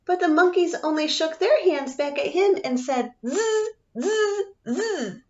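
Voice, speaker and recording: A woman teacher reading a picture book aloud to children, expressive and often asking them questions. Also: very high voice, normal speed, echoey room. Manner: expressive, asks listeners questions. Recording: dull lo-fi sound.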